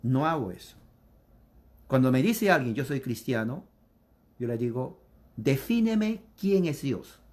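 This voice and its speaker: A man's voice: mid-range voice, very animated, unhurried, long pauses, a little mellow. A man preaching a catechism lesson in an emphatic, repetitive way, acting out opponents' objections in quoted voices. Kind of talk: sermon.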